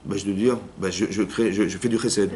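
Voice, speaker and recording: A man, a rabbi, giving a Torah lesson in a lively way, acting out little inner dialogues and often checking that his listeners have understood. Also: fairly low pitch, a little fast, a little hiss or hum. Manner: lively, acts out inner voices, keeps asking "vous avez compris?". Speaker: rabbi teaching a class.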